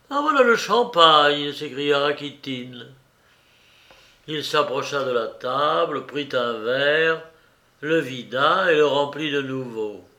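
A man reading a novel aloud in slow, measured storytelling narration. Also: mid-range voice, bright, forceful tone, roomy sound. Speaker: audiobook reader.

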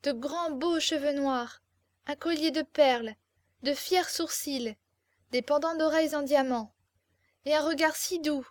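High bright excitable young girl, pleading and breathless, dry close sound, as a woman reads her. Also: unhurried, no room sound. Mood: dreamy. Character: young naive excitable girl, vain and romantic. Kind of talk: audiobook character reading.

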